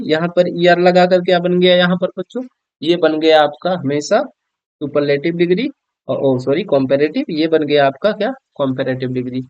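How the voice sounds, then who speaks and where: High-voiced Hindi-accented man teaching grammar. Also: smooth, no echo. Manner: addresses students as children, frequent "theek hai" check-ins. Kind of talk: classroom grammar lesson. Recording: dull, dry lo-fi recording.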